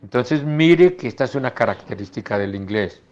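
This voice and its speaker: A man teaching English phonetics in a lecture, slowly modelling English words aloud as he goes through slides. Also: mid-range voice, expressive, a little mellow, highs cut off.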